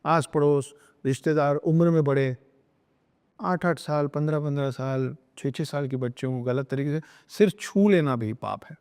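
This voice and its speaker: Here the voice is fairly high and smooth with a darkish tone, normal speed, and a long reverb tail. The man, a podcast guest, lectures emphatically on spirituality and parenting, repeating points for stress and dropping in English phrases.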